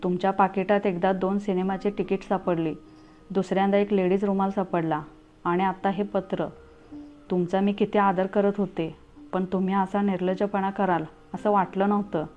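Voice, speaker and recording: A woman's voice: mid-range voice, little pitch movement, moderate pace, close to an everyday voice. A woman voicing a hurt young wife who questions her husband in a pleading, reproachful way. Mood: hurt, accusing. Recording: tinny phone-like audio, faint music.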